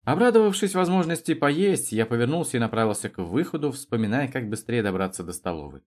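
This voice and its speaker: A man narrating an audiobook in an expressive storytelling manner. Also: mid-range voice, fast. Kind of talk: scripted narration.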